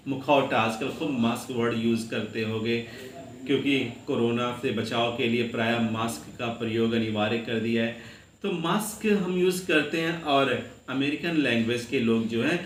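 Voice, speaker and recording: Male lecturer with an Uttar Pradesh Hindi accent, patient classroom delivery, spells words aloud, echoey room with faint hum. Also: mid-range voice. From India. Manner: addresses students warmly as children. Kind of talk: classroom grammar lesson.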